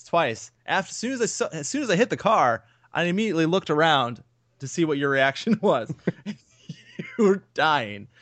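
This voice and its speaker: Telling stories with wry humor and laughter, this podcast co-host in his thirties keeps the chat casual and animated. His slightly high voice moves at a moderate pace in an echo-free recording.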